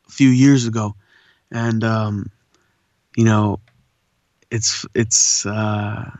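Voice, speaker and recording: In a casual interview, a voice actor and poet born in India and raised in Southern California talks in a relaxed, reflective way, often saying "man." His pitch is fairly low, and the audio is dull with no echo.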